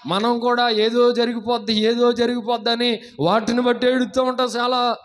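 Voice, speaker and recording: A man's voice: very high voice, level tone, normal speed, fairly bright tone. A man preaching a sermon as pastor, retelling a story and asking his congregation questions.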